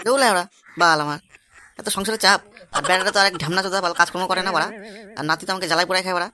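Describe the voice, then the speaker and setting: A woman's voice: on the low side, fairly even intonation, very fast, background noise, voice pushed down, lightly acted. Woman doing a cursing grumpy old grandfather. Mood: grumbling. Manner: crude, swears constantly, grumbling. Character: grumpy foul-mouthed old grandfather, worn out. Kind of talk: comedy cartoon voice acting. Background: cartoon background music.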